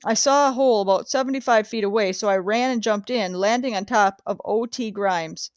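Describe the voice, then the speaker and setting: A woman's voice: medium pitch, fairly quick, dry recording, muffled recording, close to an everyday voice. A woman reading the words of a male soldier plainly recounting a beach landing under fire. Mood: grim.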